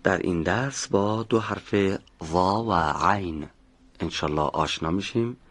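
A man's voice: low voice, fairly bright tone. A man teaching the pronunciation of Arabic letters in a recorded lesson, methodically explaining mouth positions step by step and calling on students. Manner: models sounds slowly and calls on students.

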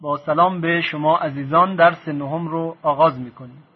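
Male recitation teacher, slightly high and husky, slow and deliberate, lo-fi radio sound. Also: fairly even intonation. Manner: slow, deliberate, stresses each sound when giving examples. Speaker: Quran reading teacher. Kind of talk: recorded lesson.

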